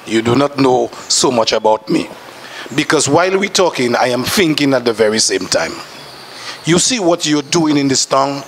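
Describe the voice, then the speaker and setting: A man's voice: medium pitch, lively intonation, normal speed, a bit bright, slight background noise. A man with a Dominican accent speaking with emotion and urgency on a panel, calling people to action. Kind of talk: impassioned panel discussion.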